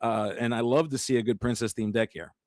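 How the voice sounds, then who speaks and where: A man doing lively live commentary on a card game match, chatty and quick to laugh. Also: mid-range voice, no room sound. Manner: excitable, chatty, laughs often. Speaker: caster.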